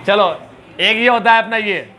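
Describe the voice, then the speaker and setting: A man's voice: sits high, fairly even intonation, normal speed, bright, forceful tone, a little hiss or hum. A man teaching a class, chatty and joking, mixing Hindi and English terms. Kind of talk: classroom lecture.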